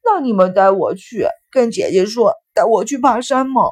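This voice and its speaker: Woman doing a whiny excitable little boy. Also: moderate pace, lightly acted. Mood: whiny, excited. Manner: high, pleading and shouty.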